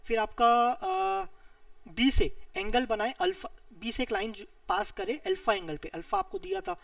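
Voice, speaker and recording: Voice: mid-range voice, big pitch swings, measured pace, creaky, a bit bright, no room sound, far from the mic. A civil engineering exam tutor giving a whiteboard lecture, explaining step by step, repeating key terms and mixing English technical words into Hindi.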